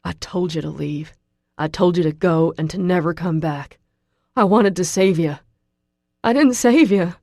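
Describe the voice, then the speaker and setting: A woman's voice: on the low side, a little slow, no echo, studio quality. A woman voicing an anguished wounded young man. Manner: shouting, groaning in pain, desperate. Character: injured furious young man, Southern drawl.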